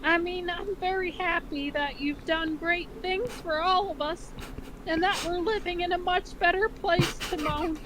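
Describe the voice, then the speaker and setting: A woman voicing an anxious, doting cartoon meerkat mother who talks haltingly and a little tensely. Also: extremely high pitch, steady tone, pitched above the performer's own voice. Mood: hesitant, uneasy. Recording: clearly noisy amateur recording.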